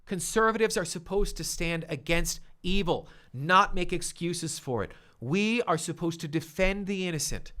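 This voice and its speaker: A man's voice: on the high side, pushed and bright. A man hosting his own opinion show, delivering emphatic, indignant commentary with punchy repetition. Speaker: show host.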